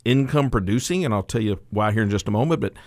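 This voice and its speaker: Lively-voiced man explaining retirement money. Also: lowish voice, fast, no room sound, studio quality. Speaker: retirement income advisor. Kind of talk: financial radio talk.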